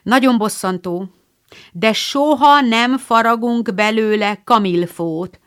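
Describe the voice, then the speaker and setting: A woman's voice: fairly high pitch, a bit bright, clear, resonant tone, pitched above the performer's own voice, natural voice. A woman voicing a prim, vain young girl who puts on grown-up airs in a storybook reading.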